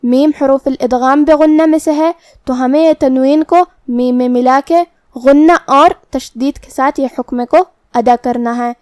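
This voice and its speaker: A woman with a high, clear voice teaches Quran recitation rules and explains each letter's pronunciation step by step. The recording is dry and close, with no room sound. Her delivery is patient and careful, like a teacher's. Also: fairly even intonation, a little mellow, no echo. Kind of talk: tajweed lesson with slow recitation.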